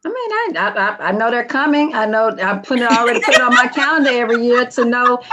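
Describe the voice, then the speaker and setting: Donna pratica dalla voce un po' alta. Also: female voice, fairly high pitch, lively intonation, fast, bright, forceful tone. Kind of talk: casual chat among friends.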